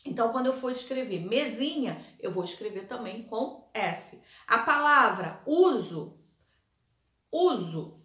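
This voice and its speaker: A woman teacher giving a recorded lesson, explaining slowly, repeating words and answering her own questions. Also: mid-range voice, fairly bright tone. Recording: echoey room.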